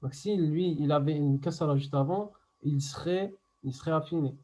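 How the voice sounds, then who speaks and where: A man teaching a Quran recitation class online, patiently explaining step by step and repeating words slowly. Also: on the high side, darkish tone, slight background noise.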